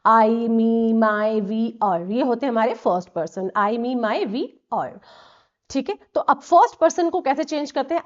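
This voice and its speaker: A woman teaches English grammar in a patient, explanatory way and keeps checking that the students are following. Her voice sits a little high. The recording sounds dull and lo-fi. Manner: patient, repeats checks like "right?"; mixes Hindi with English terms. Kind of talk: explanatory lesson.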